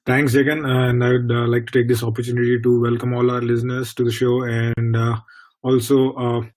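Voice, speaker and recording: An earnest male analyst on a radio sports chat. His voice sits at an ordinary middle pitch and barely rises or falls. He speaks in a measured, sincere way. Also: level tone, darkish tone. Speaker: regular guest analyst.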